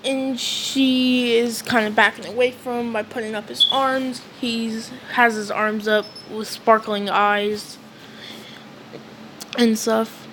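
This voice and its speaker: A woman casually retelling a fan story, halting with fillers and restarts. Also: on the high side, little pitch movement, noisy background.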